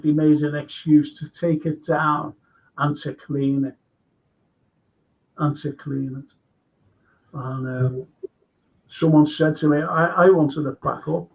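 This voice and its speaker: The voice sits on the high side and carries vocal fry: an older Liverpool man hosting a casual radio chat show. Between listener messages he rambles through stories of local history, acting out quoted voices, and the audio is dull and lo-fi.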